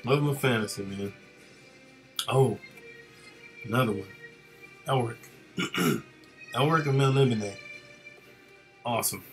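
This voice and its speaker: A man casually chatting with viewers of his live stream while he works, relaxed and rambling with lots of fillers. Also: mid-range voice, a little slow, long pauses, faint music behind.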